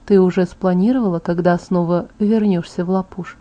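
A woman voicing a calm, protective young male vampire in an audiobook, speaking in a soft, restrained murmur. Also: moderate pace, natural voice. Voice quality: soft, hushed. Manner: low murmur, gentle and restrained. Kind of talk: audiobook character voice. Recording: dull lo-fi audiobook MP3.

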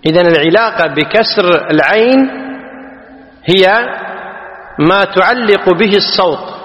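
A man with a high voice lectures a class, repeating each key word and checking that the students follow. The sound is dull and lo-fi. It rings with long reverb in a large hall. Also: fairly bright tone. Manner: deliberate, repeats key words, quizzes the class. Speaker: teacher.

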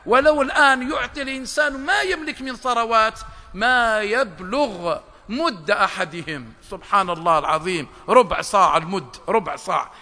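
A man delivering an impassioned sermon in a very high, piercingly bright voice. He surges into shouts at his key lines and stumbles through restarts and repeated phrases. His voice rings out with a long reverb off a hall. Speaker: preacher. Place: lecture hall.

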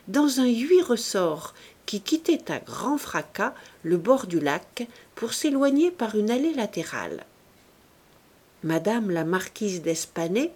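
A woman narrating a classic novel as an audiobook reader, in an expressive, unhurried way. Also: mid-range voice, husky.

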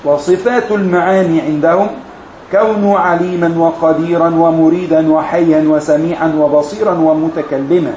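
A man teaches a religious lesson, his voice sitting a little high for a man. He lays out each point with careful, measured explanation. The recording is roomy and echoey, with faint ambient noise underneath. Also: steady tone, a little mellow. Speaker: sheikh teaching a women's study course.

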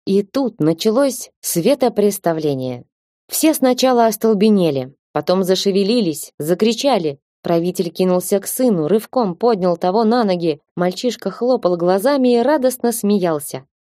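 A woman narrating a fantasy audiobook in the first person, with lively, ironic storytelling. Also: medium pitch, moderate pace, no room sound, studio quality.

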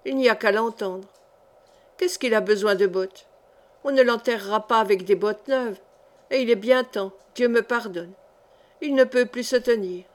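A sharp-tongued peasant cook who grumbles and scolds, read by a woman. The voice sits fairly high. It stays close to the reader's own. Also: moderate pace, close to an everyday voice. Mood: scolding. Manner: angry, grumbling.

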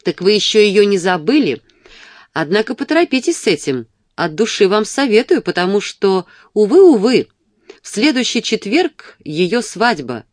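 A woman's voice: mid-range voice, very animated, moderate pace, no echo, clean studio sound. A woman voicing a coquettish, spiteful young woman who teases and mocks in a sing-song way, read from a novel. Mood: mocking. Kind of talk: audiobook character reading.

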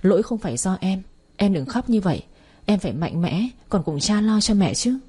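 A woman reading the lines of a young man consoling his partner in an audio story, softly and reassuringly. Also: medium pitch, sing-song, moderate pace, breathy edge.

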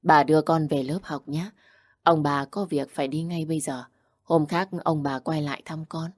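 A woman voicing a gentle, loving old grandmother who speaks softly and tenderly. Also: deep voice, fairly even intonation, moderate pace, no echo, clean studio sound. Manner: soft and tender.

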